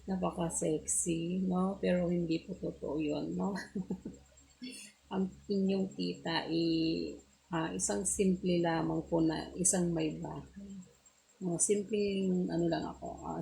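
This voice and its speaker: A woman in her forties with an Ilocano accent, chatting softly on a live stream, greeting viewers and laughing often. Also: fairly low pitch, vocal fry, slight background noise. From Pangasinan, Philippines. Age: 40s. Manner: soft-spoken, greets commenters, laughs often.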